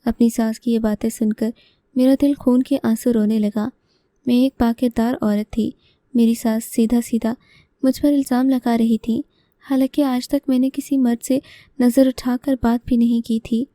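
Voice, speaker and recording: A woman telling a first-person story in a steady, measured way. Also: on the high side, no room sound.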